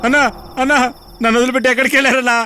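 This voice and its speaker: A man's voice: very high voice, steady tone, rapid-fire. An actor playing a fawning young henchman who pleads and whines over and over in a dubbed comedy film. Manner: pleading, repetitive whining. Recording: film soundtrack with loud score.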